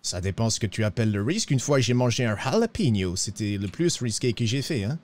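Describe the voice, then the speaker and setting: A man's voice: expressive, brisk, a little mellow, lightly acted. A man playing a broke, bumbling cowboy with a put-on accent in a western roleplay, talking theatrically and tacking 'hein' onto his lines. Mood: pleading. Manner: theatrical, sliding pitch, tacks 'hein' on lines. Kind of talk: in-character roleplay.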